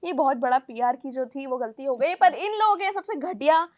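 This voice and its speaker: A woman co-hosting a casual chat, speaking in an animated, emphatic way. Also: high-pitched, moderate pace. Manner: animated, emphatic, agrees often. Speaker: co-host.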